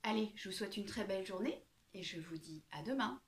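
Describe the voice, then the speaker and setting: A woman reading a children's picture book aloud with lively, expressive storytelling. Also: mid-range voice, fairly quick.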